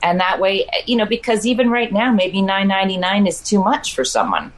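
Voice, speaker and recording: A woman guest on a video call with a low, sultry voice, chatting in a laid-back, joking, rambling way. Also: lively intonation, a little fast, a little hiss or hum. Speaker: comedian guest. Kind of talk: casual chat. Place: on a farm.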